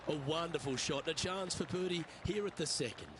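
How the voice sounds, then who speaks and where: A man working as lead golf commentator in a video game, giving measured play-by-play calls. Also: on the high side, noisy background, lightly acted.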